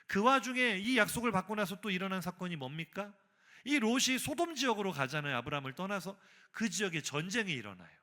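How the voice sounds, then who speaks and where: A male pastor preaching a sermon in an animated, conversational way, often asking the congregation questions. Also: sits high, quick pace.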